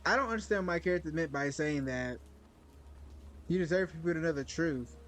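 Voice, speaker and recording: A man giving casual commentary on a story game, reacting loudly and with slang. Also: brisk, faint music behind. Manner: loud slangy reactions, jumps up in pitch when outraged. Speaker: gaming video creator. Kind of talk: casual let's-play commentary.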